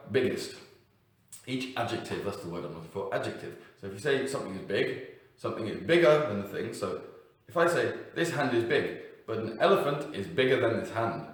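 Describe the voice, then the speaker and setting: A man's voice: fairly low pitch, expressive, normal speed. A man explaining English grammar to learners, talking off the cuff and stressing each example word. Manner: unscripted, with fillers and self-corrections, emphatic on example words. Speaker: English teacher. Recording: echoey room, mic at a distance.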